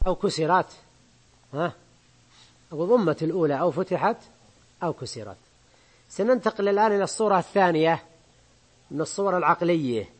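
A man teaching a grammar lesson, reading a text slowly and explaining it, often checking that his listeners follow. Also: high voice.

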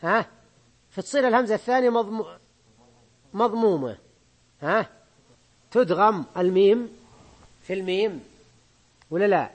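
High-voiced man teaching grammar. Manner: slow, emphatic reading of quoted text, checking in with listeners. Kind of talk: classroom lesson reading and explaining a text.

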